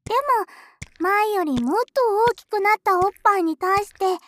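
A woman voicing a very high-pitched teasing young woman. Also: moderate pace, fairly bright tone, a little hiss or hum. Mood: gentle teasing.

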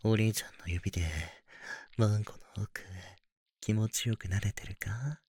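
A man voicing a doting, teasing older brother in a whispered role-play, speaking in a low, intimate murmur. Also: fairly even intonation, normal speed, darkish tone, no room sound, close to an everyday voice. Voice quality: breathy. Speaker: voice actor.

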